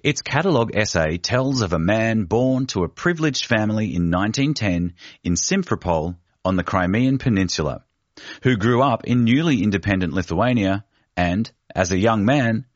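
Man, deep voice, very expressive intonation, dry close read, scripted feature narration. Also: no echo. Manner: measured, deliberate reading. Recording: dull, muffled studio read.

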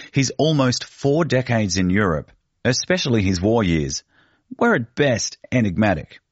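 A man giving a measured, deliberate scripted narration of a feature article. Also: fairly low pitch, no echo. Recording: dull, muffled studio read.

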